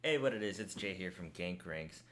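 A man with a low voice hosts a gaming video, talking casually over his playthrough. He reads the on-screen text aloud and breaks off into jokey little asides. A faint hum sits under his voice. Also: expressive, moderate pace, fairly bright tone. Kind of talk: casual let's-play commentary.

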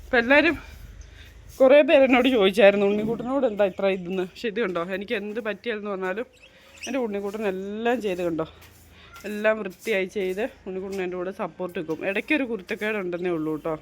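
Fast-talking woman in an echoey home. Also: mid-range voice. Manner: chatty, keeps addressing viewers with friendly asides. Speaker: vlogger and mother. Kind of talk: casual home vlog. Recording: echoey room with faint hum.

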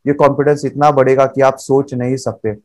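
Flat, joyless male presenter, as a man puts him on: low monotone, no life in it. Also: fairly quick, lightly acted, poor audio. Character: dull, flat-voiced male presenter without emotion.

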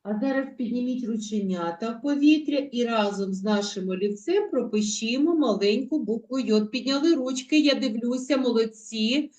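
A woman teaching young children in an online class, coaxing them with diminutives and drawing out words slowly for them to repeat. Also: fairly high pitch, darkish tone. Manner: affectionate, coaxing, uses diminutives; slow, drawn-out word modelling. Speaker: primary school teacher. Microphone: video call.

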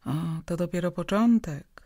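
Audiobook lady figure: a woman reading a brisk, firm yet friendly young lady, slightly raised, gravelly. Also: fairly low pitch, expressive, warm tone, dry recording, clean studio sound. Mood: teasing. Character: brisk, kindly young lady landlord's agent.

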